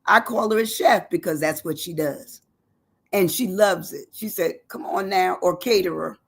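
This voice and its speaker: Woman, educator, casual lesson, gravelly voice, repeats and spells words, live stream from home. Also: fairly low pitch, moderate pace. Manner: conversational, spells and repeats words, chatty asides. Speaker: educator presenting a word lesson. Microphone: live-stream setup.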